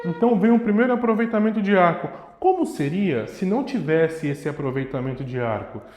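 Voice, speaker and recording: A man's voice: sits high, expressive, fairly quick, loud music behind the voice. Man teaching violin, echoey room. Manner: demonstrative, sings and vocalizes rhythms to illustrate. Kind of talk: explanatory music lesson. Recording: echoey room with long reverb. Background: violin playing.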